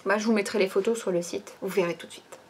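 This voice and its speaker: A woman with a mid-range voice talks at a quick pace and steady tone, showing new arrivals from her online store against slight background noise. The talk is casual and chatty, with lots of hesitations and fillers like "ben" and "euh."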